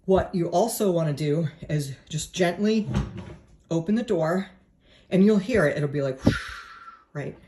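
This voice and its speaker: A speaker from New England giving a casual how-to at home by a woodstove, chatty and informal, often checking in with a quick "right?". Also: mid-range voice, warm tone, slight background noise. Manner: chatty and informal, with frequent tag questions. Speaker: home vlogger explaining a woodstove to a friend. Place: at home beside a woodstove, indoors.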